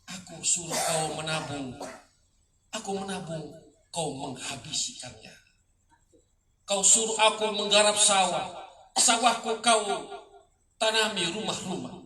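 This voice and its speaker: A man's voice: sits high, sharp tone. Impassioned man reciting poetry, echoey. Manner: impassioned, rising and falling with the lines. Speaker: poetry reader. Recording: echoey room, distant mic, noisy.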